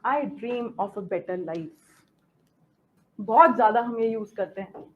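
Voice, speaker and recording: A woman's voice: medium pitch, slow, phone-quality sound. A woman teaching English grammar, mixing Hindi and English and checking in with "okay?" after each example. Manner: explains by example sentences, often asks "okay?".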